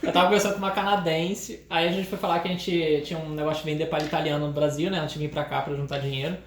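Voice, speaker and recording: A woman's voice: low voice, fairly even intonation, rapid-fire. A woman hosting a casual live-stream chat, chatty and joking with her guest. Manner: chatty, jokey. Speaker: host. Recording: roomy, faint noise.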